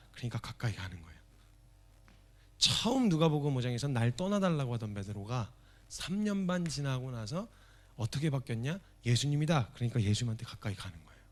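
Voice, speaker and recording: A man who is a missionary pastor, preaching a revival sermon in a church with lively, comic storytelling. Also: medium pitch.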